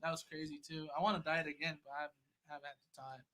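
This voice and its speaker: Young male guest, raised in Oceanside, California: slightly high voice, easygoing rambling talk, loose and profane. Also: level tone, rapid-fire, sharp tone, rough recording. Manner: laid-back, rambling, profane with many fillers. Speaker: guest musician. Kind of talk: casual chat.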